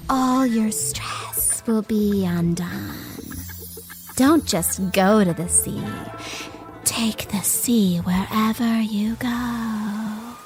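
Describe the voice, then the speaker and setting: A woman putting on a slow, hushed perfume-advert announcer voice in whispered role-play. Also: a little high, pitched below the performer's own voice. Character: breathy female perfume-ad announcer.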